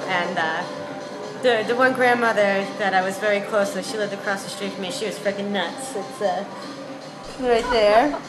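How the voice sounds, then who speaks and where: A woman's voice: medium pitch, moderate pace. Young woman, Bronx accent, chatty storyteller, echoey recording, music in background. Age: young adult. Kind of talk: casual recorded interview.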